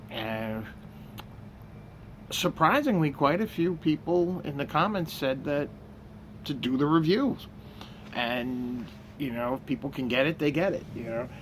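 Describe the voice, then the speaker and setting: A man in his fifties chatting casually and unhurriedly, with pauses, as he smokes a pipe that is often in his mouth. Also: medium pitch, a bit bright, rough recording. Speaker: pipe tobacco reviewer. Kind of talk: casual vlog chat. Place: outdoors by a house with trees. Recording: clear outdoor ambient noise.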